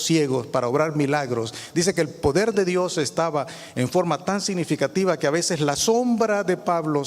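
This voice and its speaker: A male pastor preaching a sermon, asking the congregation rhetorical questions. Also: fairly high pitch. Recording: long hall reverb.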